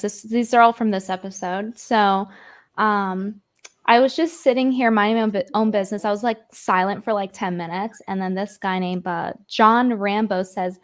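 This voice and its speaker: A woman with a New York accent, a podcast co-host reading and complaining about comments in casual, swearing chat. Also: mid-range voice. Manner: chatty, complaining, swears freely.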